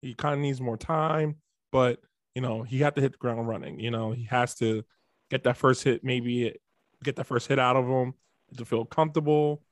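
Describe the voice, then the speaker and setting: A man's voice: mid-range voice, steady tone, normal speed, no room sound, clean studio sound. A man co-hosting a sports podcast from his home computer setup, chatting loosely and rattling off stats. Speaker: podcast co-host. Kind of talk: casual fantasy football chat. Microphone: home computer setup mic.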